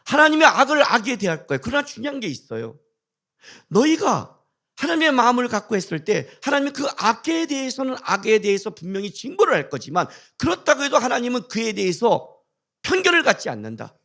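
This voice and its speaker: A male pastor preaching a sermon, telling stories with blunt humor and mock curses, swinging between quiet asides and loud outbursts. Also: very high voice, sing-song, fairly quick.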